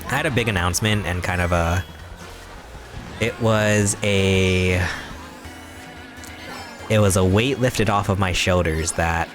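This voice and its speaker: A young male streamer with a low voice chats loosely with his viewers while gaming at home. He giggles often and rambles, slipping into playful mock-serious denials. Game music plays steadily behind him. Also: slow pace, long pauses. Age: young adult. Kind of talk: casual live-stream chat while gaming.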